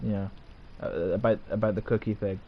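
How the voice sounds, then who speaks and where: A man's voice: on the low side, steady tone, moderate pace, highs cut off. A man streaming a game and chatting with his viewers in a casual, self-mocking way, often laughing. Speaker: gaming streamer.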